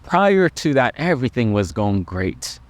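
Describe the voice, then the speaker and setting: A middle-aged man, a Buddhist monk, speaking to camera in a gentle, earnest way. He talks very slowly, leaving pauses between thoughts, at an ordinary pitch for a man. The sound is dry and close, with no room echo. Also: sing-song. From Laos. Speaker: Buddhist monk sharing life lessons. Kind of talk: personal reflective talk to camera.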